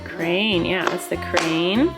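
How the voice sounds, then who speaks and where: A woman's voice: fairly low pitch, steady tone, slow, creaky. A woman talking casually and playfully, encouraging a small child in simple phrases and chatting to viewers. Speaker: mother vlogging with her toddler. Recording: roomy echo, loud background music. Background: loud music.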